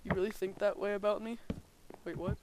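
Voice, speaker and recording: Excitable high-voiced young man gaming. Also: fairly quick, slight background noise. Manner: excitable, giggly and rambling. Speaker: gaming channel co-host. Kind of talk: casual gameplay chat.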